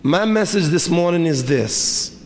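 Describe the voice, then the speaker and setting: A man's voice: on the high side, animated, unhurried. A middle-aged man preaching a sermon as an imam, with a rhythmic delivery full of repeated rhetorical questions. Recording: reverberant hall, faint ambience.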